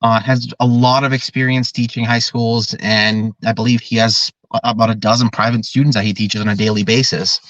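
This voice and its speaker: A man's voice: medium pitch, flat delivery, a little fast, hardly any pauses, fairly bright tone, dry recording, highs cut off. A man in his early twenties, a drum corps director, talking earnestly and at length in a podcast interview. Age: 20s. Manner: earnest, talkative, explains at length.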